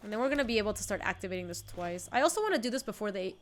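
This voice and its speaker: Speaking in a mid-range voice that's very animated and racing, a young woman plays a card game on stream and answers her chat in casual commentary. She has a stuffy cold and is at home in her indoor streaming room, with a little hiss or hum on the audio.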